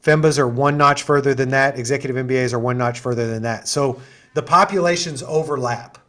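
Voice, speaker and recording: A man's voice: medium pitch, a little fast, a bit bright. A middle-aged man explaining programs as an assistant dean in a chatty, enthusiastic way, full of asides and fillers, on a video call. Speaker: assistant dean hosting an info session.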